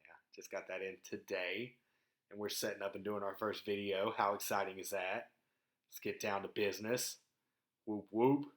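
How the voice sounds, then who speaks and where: A young man with a Southern US accent and a fairly low voice hosts a homemade podcast. He rambles casually in everyday slang, easygoing and self-deprecating, speaking into a microphone in a small home studio. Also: little pitch movement, moderate pace, a bit bright. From Mississippi, southern US. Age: young adult. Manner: laid-back, slangy, chuckles at himself. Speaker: podcast host. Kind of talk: casual rambling vlog chat. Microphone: dedicated podcast microphone.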